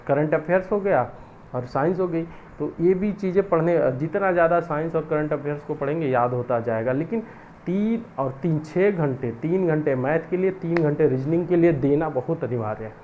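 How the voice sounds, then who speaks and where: A man's voice: on the high side, moderate pace. Earnest male teacher on tinny audio. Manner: earnest, exhorting, grows loud and scolding. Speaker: coaching teacher. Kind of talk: motivational talk to exam aspirants. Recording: tinny phone-like audio with faint noise.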